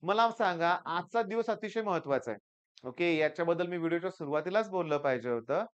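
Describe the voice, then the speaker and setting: A man from the Sangli region, an engineering maths teacher giving students an earnest, animated motivational talk. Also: a little high, brisk, clean tone, dull audio. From Sangli region, Maharashtra.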